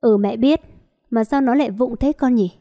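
A grumpy old grandmother who nags and scolds her granddaughter in sharp bursts, put on by a woman reading a story. The voice sits fairly high yet sounds mellow and soft in tone. It is a storybook reading of a cantankerous elderly woman. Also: normal speed, natural voice. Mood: grumbling.

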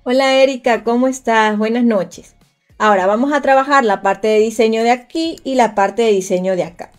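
A woman's voice: fairly high pitch, moderate pace, soft background music. Chatty woman teaching a live design class. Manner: chatty, addresses viewers directly, thinking aloud. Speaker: crafts instructor. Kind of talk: live-streamed software tutorial.

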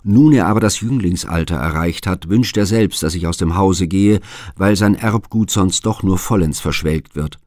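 A deep-voiced man speaking as a grieving queen, dignified and full of doubt, in a measured storybook reading. The sound is dry and close, with no room around it. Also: darkish tone, no room sound, natural voice. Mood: pondering.

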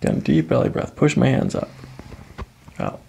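With a dark tone and moderate pace, a middle-aged male chiropractor gives brief, reassuring step-by-step instructions to a patient during hands-on treatment. The recording, made indoors in a small treatment office, carries faint background noise.

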